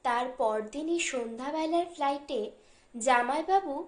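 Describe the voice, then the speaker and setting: A woman with a high-pitched voice narrates a short story for an audiobook. She reads in a measured, deliberate way, pausing between phrases, and the recording is reverberant.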